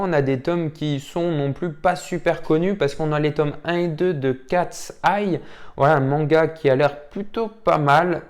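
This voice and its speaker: A man's voice: a little high, a little mellow. Chatty man rambling with fillers. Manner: rambling, many fillers and "voilà". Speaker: manga YouTuber. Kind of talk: casual commentary on viewers' manga purchases.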